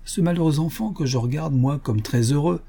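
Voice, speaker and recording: A man's voice: on the high side, moderate pace, gravelly, warm tone, breathy edge. A man reading a firm, indignant old country doctor. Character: stubborn, principled country doctor, older man.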